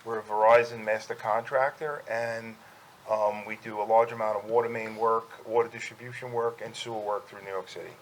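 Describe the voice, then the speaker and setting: A man's voice: on the low side, little pitch movement, brisk, slight background noise, rough recording. A man giving formal testimony as a business owner, in plain, factual answers. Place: public board meeting room.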